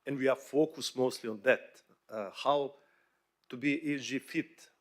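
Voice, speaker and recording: A Bosnian bank executive on a conference panel speaks English haltingly and conversationally, with many fillers and restarts. His voice is mid-pitched with fairly even intonation.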